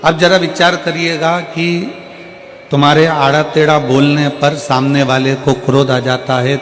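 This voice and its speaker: A male preacher giving a devotional sermon, building his point by repeating phrases and calling on the crowd to answer. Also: mid-range voice. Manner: repetitive rhetorical preaching, asks crowd to answer. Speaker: katha preacher. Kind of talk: devotional sermon with bhajan singing. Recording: long hall reverb with loud music.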